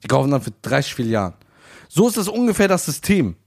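A man co-hosting a casual chat podcast, telling rambling stories and often starting with a quick "look". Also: on the high side, very animated, creaky, darkish tone, slightly rough. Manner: rambling storyteller, often starts with "guck mal". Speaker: podcast co-host.

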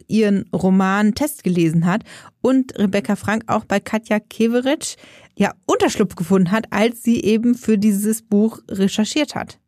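A woman in a casual book discussion lays out details and background for her co-host in an informative way. Her voice is middle in pitch and recorded dry and close. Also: darkish tone, no room sound. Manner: explains plainly and fills in details.

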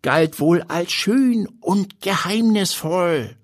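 A dry, knowing elderly grandfather who speaks slowly and sets out facts as if teaching a class. The voice sits high and thin for an old man and carries a husky grain. The delivery is animated and full of rises and falls. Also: heavily acted. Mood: lecturing. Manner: slow, lecturing.

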